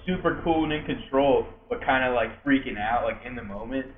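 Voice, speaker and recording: Relaxed man on a tinny, echoey line. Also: mid-range voice, fairly quick, crowd noise. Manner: relaxed, casual, swears. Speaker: podcast host. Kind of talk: casual gaming chat. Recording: echoey room, phone-like audio.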